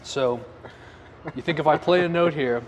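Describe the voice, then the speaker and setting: A man's voice: on the high side, moderate pace, a little hiss or hum. A young adult man hosting a casual interview in a restaurant, upbeat with lots of filler words. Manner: upbeat, filler-heavy, says like a lot. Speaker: host. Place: restaurant, indoors.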